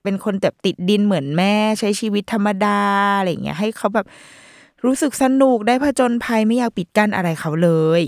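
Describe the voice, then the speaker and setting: A woman hosting a parenting podcast in a chatty, playful way, full of fillers and quick asides. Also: medium pitch, expressive, gravelly, darkish tone, no room sound, studio quality. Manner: chatty and playful, with lots of fillers and mock quoted voices. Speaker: podcast host. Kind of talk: casual parenting chat.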